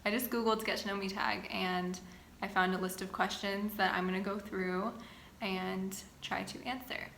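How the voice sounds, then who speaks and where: A woman's voice: medium pitch, level tone, moderate pace, vocal fry, fairly bright tone. A woman in her twenties from the Boston area, chatting casually as she reads out questions and answers them at length for her vlog. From Boston area, United States. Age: 20s. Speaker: vlogger. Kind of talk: sit-down get-to-know-me chat. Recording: echoey room with faint ambient noise.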